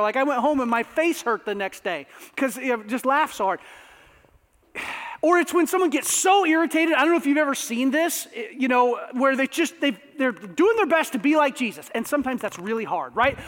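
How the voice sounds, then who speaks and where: A man with a strikingly high voice preaches to his congregation, animated and conversational, dropping asides as he goes. His voice rings out with the long reverb of a church sanctuary. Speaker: pastor. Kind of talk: sermon.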